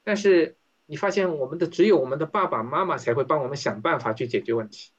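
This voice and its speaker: A man's voice: a little high, quick pace. A man leading an interactive Bible study, talking conversationally and often asking his listeners questions. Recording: dull lo-fi recording.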